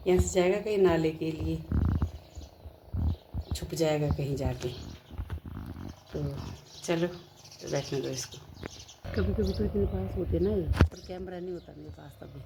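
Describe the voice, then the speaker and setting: Against very noisy surroundings, a vlogger narrates casually outdoors around her home and garden while filming her dogs, cooing at them in a sing-song way. Her low voice has vocal fry, and she speaks unhurriedly, pausing often.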